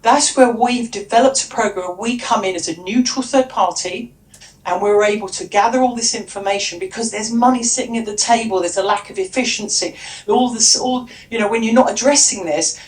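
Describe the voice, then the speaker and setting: A woman's voice: medium pitch, moderate pace. A woman speaking at a conference as a workshop trainer, chatty, with frequent restarts and asides. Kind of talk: lively conference presentation. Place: conference room. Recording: echoey room.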